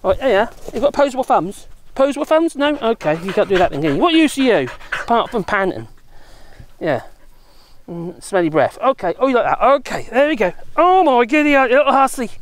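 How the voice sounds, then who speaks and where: A woman's voice: on the high side, sing-song, brisk. A chatty woman in her garden, joking around and talking to her dog while showing how she trims her plants. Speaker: gardening vlogger. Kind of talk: casual gardening walkthrough. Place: outdoors in a garden.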